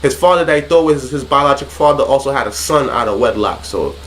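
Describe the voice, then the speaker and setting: A man's voice: medium pitch, lively intonation, quick pace, fairly bright tone, a little hiss or hum. A man from Haiti co-hosting a casual group chat, joking, laughing often and telling stories. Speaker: co-host.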